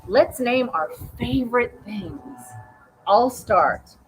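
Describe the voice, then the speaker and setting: A woman's voice: a little high, animated, slow pace, background noise, pitched above the performer's own voice. A woman voicing a loving mother in a children's storybook, encouraging and playful. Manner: warm and encouraging.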